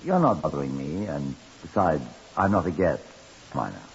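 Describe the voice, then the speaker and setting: Firm middle-aged police inspector, very low voice, lively inflection, muffled hissy radio sound. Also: male voice, moderate pace, creaky, long reverb tail, exaggerated voice. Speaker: narrator and detective. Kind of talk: 1950s radio drama narration. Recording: hissy, dull 1950s radio broadcast.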